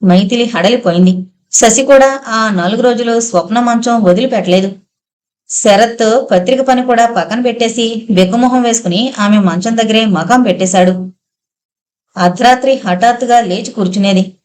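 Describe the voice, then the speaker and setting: A woman narrating a novel in a measured storytelling manner. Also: fairly high pitch, a little mellow. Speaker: audiobook narrator.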